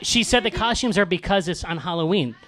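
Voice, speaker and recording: A man's voice: sits high, fairly quick, background noise. A man hosting a live comedy roast on a club stage, joking with the crowd and reading emails in mock voices. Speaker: comedian host. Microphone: handheld mic.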